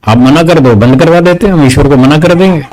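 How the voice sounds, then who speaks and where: A man's voice: a little high, quick pace, a little mellow, rough recording. A man, a spiritual teacher answering audience questions, explaining step by step with rhetorical questions and firm corrections.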